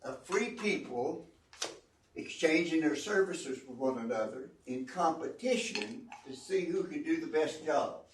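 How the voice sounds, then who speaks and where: A man's voice: on the high side, animated, a little slow, a little hiss or hum. An older man, a retired entrepreneur, giving an earnest, folksy talk to students and repeating phrases for emphasis. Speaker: guest speaker, entrepreneur. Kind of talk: informal talk to a student audience. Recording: roomy echo, distant mic.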